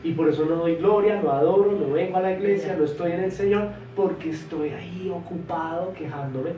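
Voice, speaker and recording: A pastor preaching a sermon, swinging between loud emphatic exclamations and soft asides, and stretching words slowly for emphasis. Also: male voice, a little high, distant mic, highs cut off, noisy background. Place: church hall. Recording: echoey church, voice from afar.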